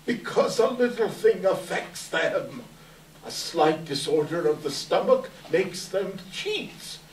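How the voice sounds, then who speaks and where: An actor playing Scrooge as a sour, frightened old miser in a theatrical, halting, pleading stage reading. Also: mid-range voice, expressive, slight background noise. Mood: wary, defiant. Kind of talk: readers theater stage reading of a classic story. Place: indoor live event room. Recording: echoey room, distant mic.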